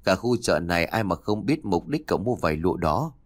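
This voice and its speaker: A man voicing a nervous, gossipy middle-aged woman who keeps a tea stall, talking in a hushed, fretful way. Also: low-pitched, lively intonation, a little fast, no echo, studio quality.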